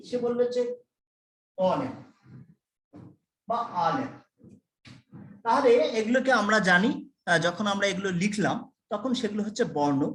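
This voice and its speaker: A man with a high voice teaches a college class in an echoey classroom. He explains step by step, repeats the key terms and stops to quiz his students. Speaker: college lecturer. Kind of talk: classroom lecture.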